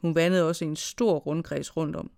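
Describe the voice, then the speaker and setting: A reader giving a slow, measured literary reading of dated diary entries and a short story, in short phrases with pauses. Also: medium pitch, steady tone, creaky, darkish tone, no room sound, studio quality. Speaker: reader of own prose.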